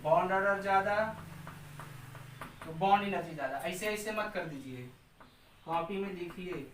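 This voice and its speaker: A man's voice: high voice, normal speed, a bit bright. A male chemistry teacher lecturing a class, drilling students by asking questions and answering them himself, and repeating key terms in a chanting rhythm. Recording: echoey room, distant mic, faint hiss.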